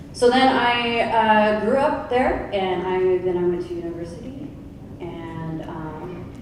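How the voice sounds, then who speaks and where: A woman in her thirties from Oregon, introducing herself as a panelist at a conference in a candid, conversational way with asides. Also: on the low side. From Oregon, United States. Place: large conference hall. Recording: echoey hall, from far off, with noise.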